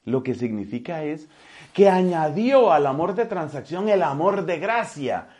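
A man from Colombia preaching a sermon in an animated, folksy way, repeating key phrases and slipping in humor. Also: fairly high pitch, measured pace.

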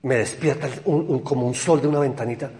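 Rambling Colombian man telling a story. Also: mid-range voice. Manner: excited, rambling, quick storytelling with laughs. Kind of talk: animated personal anecdote.

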